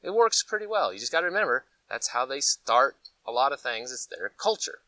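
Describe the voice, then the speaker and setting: Speaking briskly at a medium pitch, a man from Colorado, United States, hosts a preparedness gear channel and rambles through casual vlog chat. His storytelling is animated, folksy and conversational, with acted-out asides. The audio has no room sound, and the mic sits far away.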